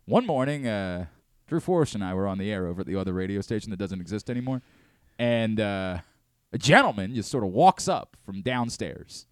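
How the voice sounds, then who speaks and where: A man hosting a sports radio show, telling a long story in casual chat with quick asides and laughs. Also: lowish voice, expressive, dry recording, studio quality. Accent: American. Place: radio studio. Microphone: studio microphone.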